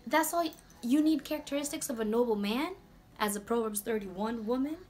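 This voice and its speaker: A woman hosting a casual Bible talk vlog in a chatty, slangy, animated way. Her voice is going hoarse. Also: fairly high pitch, brisk. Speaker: video host.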